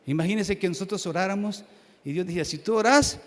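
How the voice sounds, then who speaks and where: Male pastor, high voice, preaching in a reverberant church; big loud-to-soft swings. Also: fast talker. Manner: swings between loud preaching and hushed talk. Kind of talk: sermon. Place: church sanctuary.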